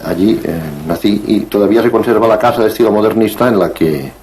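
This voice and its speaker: A man in his sixties from Barcelona talks slowly through his memories as an interview guest, pausing and restarting as he searches for words. His voice sits low and mellow. A faint hiss of noise sits behind him. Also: poor audio. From Barcelona, Spain. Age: 60s. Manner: measured and digressive, with frequent hesitations. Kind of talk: reflective interview conversation.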